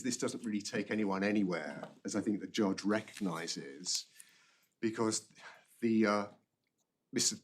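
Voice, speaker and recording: Deep, husky barrister making halting submissions. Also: male voice. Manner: halting, repeats words and phrases. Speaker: barrister arguing an appeal. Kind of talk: formal courtroom legal argument.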